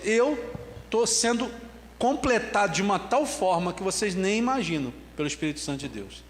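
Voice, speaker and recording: A man preaching a sermon as pastor, telling a story in an animated way with bits of laughter. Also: high-pitched, big-room sound, slight background noise. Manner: ends with a slow spoken prayer.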